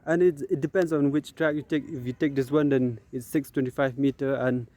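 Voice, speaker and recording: A man's voice: mid-range voice, steady tone, brisk, mellow. A man with a Northeast Indian accent talking casually outdoors for a running vlog, hesitant and often repeating his phrases. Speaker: vlogger. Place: outdoors on an open grass field.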